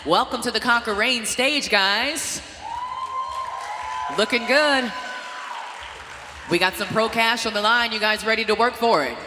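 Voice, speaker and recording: A booming, pumped-up stage announcer calling out poses and hyping up competitors and audience as the MC of a live bodybuilding show. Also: measured pace, pauses often, crowd noise, background noise. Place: large indoor stage venue over loudspeakers. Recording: echoey hall PA with music behind.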